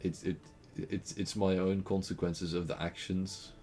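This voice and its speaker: In a low, slightly mellow voice, a young man from the Netherlands rambles playfully through a casual gaming stream, laughing a lot. His Dutch-accented delivery is flat and unhurried, with faint music in the background.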